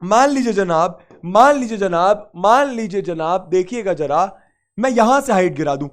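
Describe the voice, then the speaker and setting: Man, young adult, maths teacher, live online class, high voice, repetitive, coaxing, slightly sore throat. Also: moderate pace. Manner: lively, repetitive, coaxing students with playful asides.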